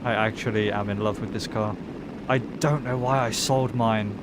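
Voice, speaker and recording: A man livestreaming a game in casual chat, talking in excitable bro-and-dude slang. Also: on the low side, normal speed, very noisy. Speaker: live game streamer.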